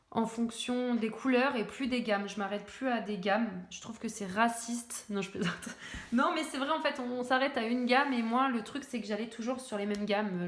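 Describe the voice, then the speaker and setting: Young woman, casual coloring vlog chat, mid pitch, hesitant and self-mocking, echoey home room. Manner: hesitant, many fillers, self-mocking jokes. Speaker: coloring video creator.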